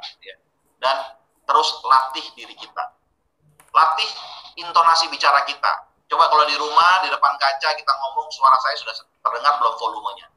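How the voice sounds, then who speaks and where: A man's voice: mid-range voice, reverberant, rough recording. A man giving a training webinar, talking casually and putting questions straight to his audience. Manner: lively, questioning audience directly.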